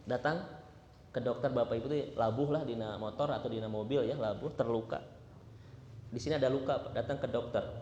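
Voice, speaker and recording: Preacher guy, kinda high voice, keeps asking the crowd questions, big echoey hall. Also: a little mellow, a little hiss or hum. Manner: addresses congregation constantly with "Pak" and "Bu"; asks the audience rhetorical questions. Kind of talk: sermon. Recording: echoey hall, faint ambience.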